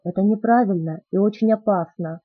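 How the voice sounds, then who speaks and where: A woman's voice: medium pitch, brisk, breathy edge, close to an everyday voice. A woman reading the lines of a brooding young male vampire, speaking in a muffled but insistent way. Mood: anguished. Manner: muffled, insistent, softly spoken. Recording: tinny phone-like audio.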